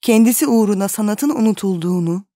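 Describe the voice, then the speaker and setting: A woman narrating a classic novel as an audiobook in a calm, measured reading. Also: medium pitch, no echo, studio quality.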